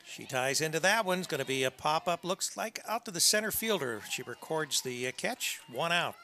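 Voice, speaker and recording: Male softball commentator, bright forceful voice, conversational play-by-play, folksy asides. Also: fairly high pitch, expressive, normal speed. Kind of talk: unscripted live sports commentary. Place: press box at a college softball field.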